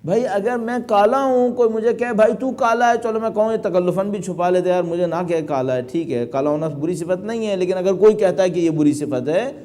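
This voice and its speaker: Man, middle-aged cleric, sermon, emphatic, rhetorical questions, mellow tone. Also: high-pitched, few pauses. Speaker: cleric delivering a majlis.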